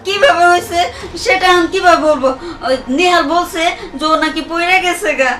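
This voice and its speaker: A woman playing a shrill, scheming stepmother. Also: normal speed. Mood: defensive. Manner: fretful muttering to herself, then loud and defensive. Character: scheming, quick-tempered stepmother. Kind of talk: amateur short-film acting. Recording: echoey room, mic at a distance, music underneath.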